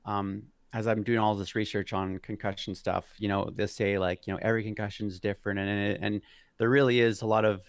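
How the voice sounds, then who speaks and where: Appearing on a video call for a casual interview, this man in his thirties, a mountain biker, hesitates often, restarting and using many fillers. He speaks fairly quickly in a fairly low, smooth voice with flat delivery, and the recording is dry.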